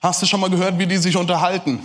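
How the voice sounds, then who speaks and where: A high-voiced man with a German accent preaches to a crowd at a quick clip. He talks to his listeners directly, tossing them questions as he goes. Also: fairly even intonation, fairly bright tone. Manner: fast-talking, addresses the audience directly. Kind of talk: lively sermon talk to a crowd.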